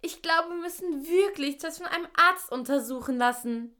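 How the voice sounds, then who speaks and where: A woman voicing a busy, caring kindergarten teacher in a children's audio drama, brisk and practical. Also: extremely high pitch, bright, forceful tone.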